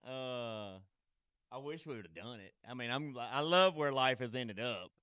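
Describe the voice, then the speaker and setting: A man's voice: mid-range voice, lively intonation, moderate pace, bright, forceful tone, clear, resonant tone, no echo, studio quality. A man hosting a podcast, talking in a rambling way and laughing easily. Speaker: podcast host. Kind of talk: casual chat. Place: podcast studio.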